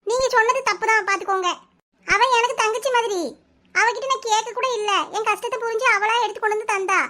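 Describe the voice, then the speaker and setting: Brief: woman playing a sharp-tongued cartoon village housewife, squeaky and rapid, bright. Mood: indignant. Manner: scolding, argumentative. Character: Ambujam, village housewife, proud, quick-tempered. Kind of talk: animated village comedy voice acting.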